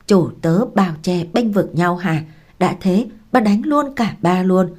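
A woman reading the part of a strict, quick-tempered elderly matriarch who gives commands and scolds. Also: lowish voice, expressive, a little mellow. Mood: furious.

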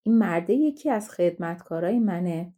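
A woman reading the part of a bold young sea captain in a fairy tale, forceful and indignant. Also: on the low side, expressive.

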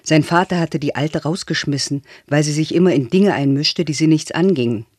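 A man calmly reading a novel aloud as narrator, in a measured way. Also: fairly high pitch, dry recording, studio quality. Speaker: audiobook reader.

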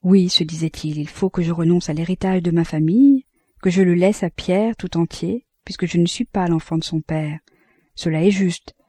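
Lady doing an earnest young guy thinking it all through, mellow, dry. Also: fairly low pitch, steady tone, normal speed, dry recording, close to an everyday voice. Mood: brooding. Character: troubled young man weighing his conscience.

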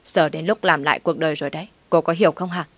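A woman's voice: deep voice, steady tone, quick pace, a bit bright, no room sound. Woman voicing a cold, curt husband. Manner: curt, scolding. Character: cold, harsh young husband walking out.

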